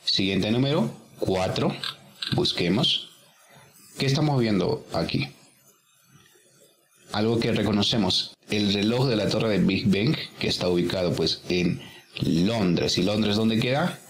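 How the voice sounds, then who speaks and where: A man's voice: on the low side, measured pace, pauses often, slight background noise. A man teaching English, working through a workbook exercise step by step and patiently repeating each answer.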